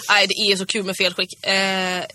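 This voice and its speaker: A woman co-hosting a podcast, telling stories in a lively, casual way and acting out her own reactions. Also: medium pitch. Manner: animated storyteller, acts out her own reactions. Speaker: podcast co-host.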